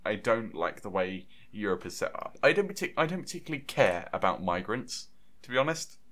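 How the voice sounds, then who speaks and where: Young male host, lowish voice, casual rambling chat, lots of restarts. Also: sing-song, brisk, a bit bright. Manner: rambling, stop-start, laughs often. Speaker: podcast host.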